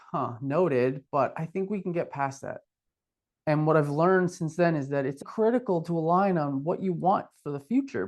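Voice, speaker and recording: A middle-aged man co-hosts a casual conversational podcast, his slightly high voice carrying vocal fry and a darkish tone. He talks candidly and reflectively about his past, with a self-deprecating streak.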